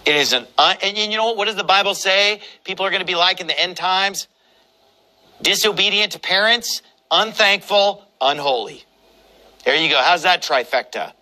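A man's voice: high-pitched, normal speed, pushed and bright, poor audio. A man pastor preaching a sermon in a combative, mocking, emphatic way.

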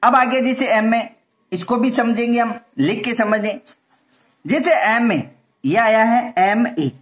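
A man's voice: extremely high pitch, unhurried, fairly bright tone. A male teacher giving a grammar lesson, explaining step by step and answering his own questions.

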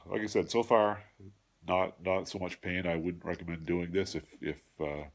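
Very deep-voiced congested middle-aged man. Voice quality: congested, stuffed-up nose. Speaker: vlogger giving a surgery recovery update. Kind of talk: casual video diary. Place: home room with a large window, indoors. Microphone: phone at arm's length.

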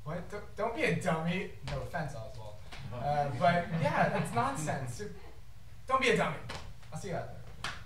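A man playing a brisk, offhand stand-up comic and announcer in a stage comedy sketch. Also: a little high, big pitch swings, far from the mic. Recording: echoey noisy theatre from afar.

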